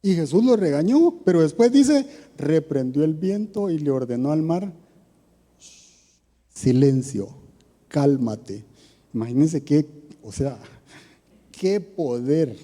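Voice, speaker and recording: Man, Costa Rican accent, sermon, conversational questions, dark mellow tone, long church reverb. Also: a little high, sing-song, moderate pace. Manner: conversational preaching with rhetorical questions. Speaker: preacher.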